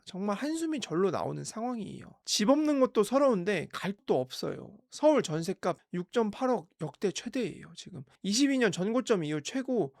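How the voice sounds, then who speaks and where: A man's voice: high voice, a little mellow, dry recording, clean studio sound. A man hosting a real estate channel, giving casual, sarcastic commentary on housing prices and a televised debate. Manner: sarcastic, talks over quoted debate clips.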